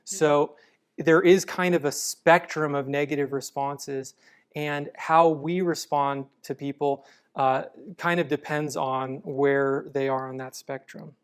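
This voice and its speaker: Speaking as a guest on apologetics, a man answers interview questions conversationally. His voice sits fairly high and comes across smooth and clear, and he explains things patiently and calmly, with frequent restarts.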